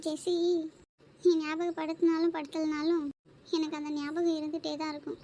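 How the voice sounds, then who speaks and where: A woman voices a heartbroken young woman in an audio drama, in a very high, light voice. Her speech is weary and tearful, and it falters between phrases. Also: flat delivery, normal speed, warm tone. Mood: sorrowful.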